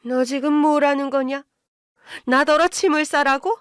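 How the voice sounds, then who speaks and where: A woman voicing an elderly, domineering mother-in-law who scolds in shrill outbursts. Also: steady tone, a little slow, no room sound, clean studio sound. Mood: furious.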